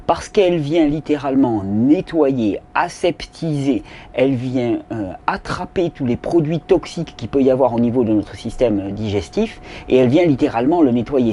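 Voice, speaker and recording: A man's voice: medium pitch, warm tone, a little hiss or hum. A man hosting a casual question-and-answer session, talking loosely with many fillers and repeated words. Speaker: host answering viewer questions. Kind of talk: casual spoken Q&A.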